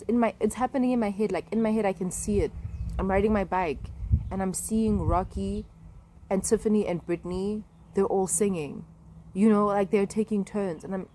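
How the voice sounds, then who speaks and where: A woman's voice: mid-range voice, darkish tone. A young woman vlogging in a chatty, rambling way, full of fillers and asides. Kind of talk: casual talk to camera.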